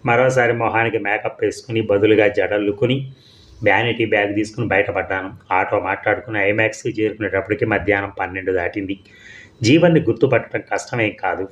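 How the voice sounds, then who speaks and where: A man with a low voice reads a first-person audio story. His telling is calm and measured, keeping a steady storytelling flow. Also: muffled recording, a little hiss or hum.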